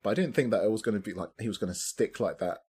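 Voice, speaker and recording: Man, podcast co-host, husky voice, lowish pitch, hesitant, soft-spoken. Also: very fast. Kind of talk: casual film review chat.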